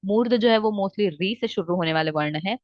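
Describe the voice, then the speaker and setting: A woman teaching a lesson, often pausing to check in with "theek hai" and reciting verses slowly. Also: medium pitch, no room sound. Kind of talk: explaining lesson with Hindi-English mix. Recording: dry, slightly dull recording.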